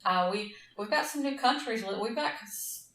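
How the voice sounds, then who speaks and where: A woman's voice: a little high, animated, moderate pace, fairly bright tone. A woman with a Southern US accent hosting a true-crime podcast, chatting casually and reading out case notes with a blunt, rambling manner. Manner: rambling, laughs easily, blunt. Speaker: podcast host. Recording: roomy, distant from the mic.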